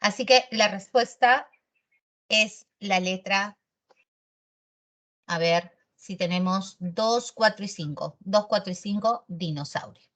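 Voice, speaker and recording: A woman teaching an online grammar class in a lively, teasing, slangy way. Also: medium pitch, takes it slowly.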